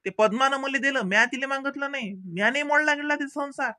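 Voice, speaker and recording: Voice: high voice, fast, bright, forceful tone, no echo, clean studio sound. A performer voicing a defensive village man in a cartoon comedy, speaking with a Vidarbha Marathi accent and often stammering.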